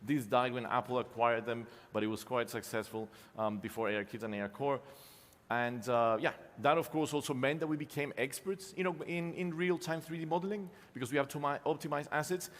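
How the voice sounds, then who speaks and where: A company co-founder gives a live keynote with slides in a reverberant conference hall. His mid-range voice is casual and self-deprecating, full of ums and restarts.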